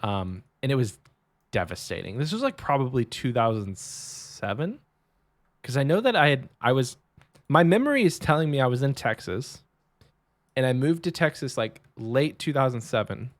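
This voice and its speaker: A man's voice: medium pitch, normal speed, no echo. A man co-hosting a podcast, telling a casual story with hesitant ums and restarts. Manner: lively, hesitant, many ums. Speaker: podcast co-host.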